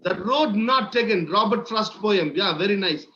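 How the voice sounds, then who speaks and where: Male session leader, Indian accent, high voice, encouraging and repetitive, on a muffled call. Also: moderate pace, pushed and bright. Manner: encouraging, repeats phrases. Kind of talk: interactive online teaching. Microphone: video call. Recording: muffled online call audio, faint noise.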